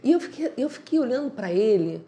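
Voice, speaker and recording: A woman's voice: on the high side, very animated, fairly quick, mellow. A woman guest telling her story in a heartfelt, reflective way, often acting out remembered lines of dialogue. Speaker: podcast guest.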